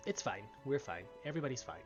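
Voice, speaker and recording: A man's voice: medium pitch, big pitch swings, quick pace, highs cut off. A man giving casual, offhand gameplay commentary as he streams. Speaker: game streamer reading quests aloud. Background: game music.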